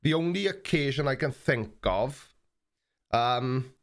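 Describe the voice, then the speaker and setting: A man in his forties, Australian-accented, hosts a live stream and casually talks through viewer comments. Relaxed and plain in his speech, with frequent ums, he has a mid-range voice and a slow delivery.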